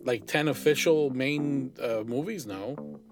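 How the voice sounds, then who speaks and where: A man's voice: medium pitch, takes it slowly. A man in casual chat as a podcast co-host, joking and sarcastic as he comments. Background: guitar music.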